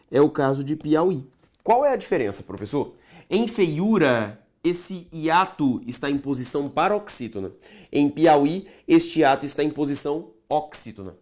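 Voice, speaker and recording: A man teaching a grammar lesson, stretching key words and checking in with the viewer. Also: fairly high pitch.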